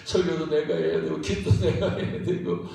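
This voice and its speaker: Man preaching in church, high voice that swings a lot, keeps repeating himself, chuckles, big echo, mic kinda far. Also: level tone, moderate pace, gravelly, warm tone. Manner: emphatic, repetitive preaching with laughing asides. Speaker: pastor. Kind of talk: sermon. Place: church sanctuary. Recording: echoey church hall, mic at a distance.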